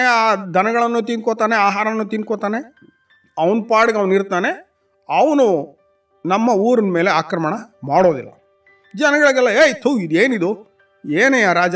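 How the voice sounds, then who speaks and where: Male radio storyteller, expressive, lively, soft music behind. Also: high voice, far from the mic.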